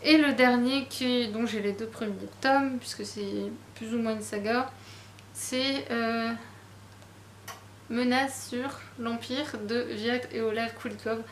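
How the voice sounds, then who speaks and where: A woman's voice: fairly high pitch, fairly even intonation, slow, echoey room, slight background noise. A woman chatting casually about her latest book purchases, self-deprecating and full of fillers. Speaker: book vlogger. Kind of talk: casual book haul chat.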